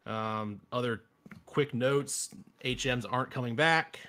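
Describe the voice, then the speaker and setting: A man's voice: mid-range voice, slow, sharp tone. A man in his thirties hosting a casual gaming chat, blunt and opinionated, rambling with restarts. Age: 30s. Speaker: podcast host.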